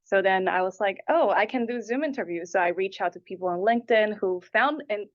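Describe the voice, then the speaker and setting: Brisk and medium-pitched, this twenty-something woman from Taipei and Hong Kong answers interview questions with sincere, conversational energy as an applicant. The audio is lo-fi and dull.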